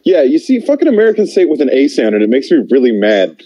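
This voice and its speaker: A man's voice: mid-range voice, big pitch swings, fast, dull audio, crowd noise. A young man from Canada in a casual group voice chat, teasing and arguing, talking from outdoors near traffic. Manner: argumentative, teasing.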